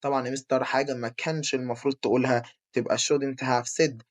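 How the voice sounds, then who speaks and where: A young man with an Egyptian Arabic accent teaching an English exam review lesson. He reads English sentences slowly, then explains them quickly in Arabic. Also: medium pitch, fairly even intonation.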